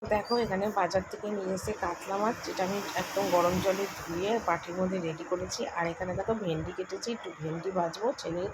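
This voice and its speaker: A woman's voice: lowish voice, fairly even intonation, fairly quick, hardly any pauses. Chatty woman vlogging over household noise. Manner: chatty, complaining, asks viewers for agreement. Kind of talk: casual vlog narration. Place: home, kitchen and rooftop. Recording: noisy home phone recording.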